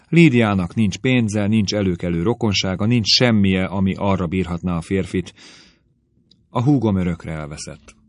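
A man's voice: low-pitched, no echo, studio quality. A man reading the lines of a distraught young woman in an audiobook, urgent and agitated.

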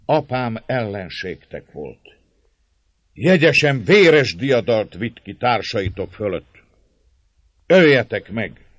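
A man's voice: medium pitch, sing-song, pauses often, no room sound, pitched above the performer's own voice. A man reading a proud defiant noblewoman. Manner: defiant, scornful. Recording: dull lo-fi, dry sound.

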